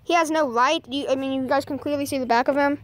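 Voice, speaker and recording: A woman's voice: high-pitched, steady tone, fast, no echo. A young woman rambling and hesitating as she films outdoors on a handheld phone. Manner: rambling, hesitant, full of "like" and "I mean". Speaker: nature vlogger. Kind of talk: casual outdoor vlog. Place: outdoors in a backyard. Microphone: handheld phone camera. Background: birds chirping faintly.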